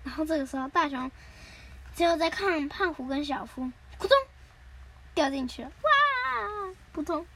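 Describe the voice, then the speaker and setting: A woman retelling cartoon stories as a podcast storyteller, chatty, with many fillers and pauses. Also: high-pitched, steady tone, a bit bright, slight background noise.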